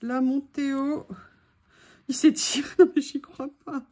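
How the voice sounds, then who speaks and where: High-pitched woman craft vlogger, chatty and playful, at home. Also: level tone, slow pace, mellow. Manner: chatty and playful, teasing asides to her dog. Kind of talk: casual chat while making a collage.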